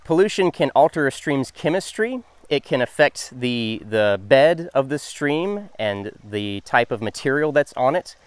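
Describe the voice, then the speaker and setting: A man's voice: mid-range voice, smooth, no room sound. A young man, a water quality specialist, explaining outdoors while standing in a stream, informative with frequent fillers. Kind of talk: on-site educational explanation.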